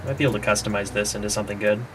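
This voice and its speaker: A man's voice: lowish voice, fairly even intonation, racing. A man developing a game, casually talking himself through playtesting and trailing off mid-thought. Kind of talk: casual think-aloud dev stream. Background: background music.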